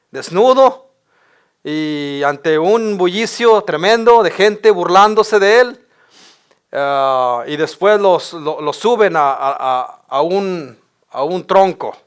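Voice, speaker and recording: A man's voice: high-pitched, fairly bright tone, smooth. A male pastor, preaching an impassioned sermon and stammering over repeated words as he builds his points.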